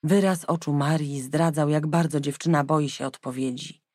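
A woman reading a novel aloud as an audiobook narrator in an even, measured way. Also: low voice, no echo, clean studio sound. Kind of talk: scripted narration.

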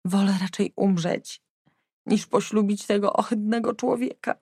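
A defiant young princess in an audiobook, as a woman narrator puts her on. She pleads in a raised, breathy voice that keeps a gravelly texture. The recording is close and dry. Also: normal speed, darkish tone, dry recording, close to an everyday voice. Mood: desperate. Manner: higher, pleading, sometimes breathy whispering. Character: young defiant frightened king's daughter in love. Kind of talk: audiobook character voice.

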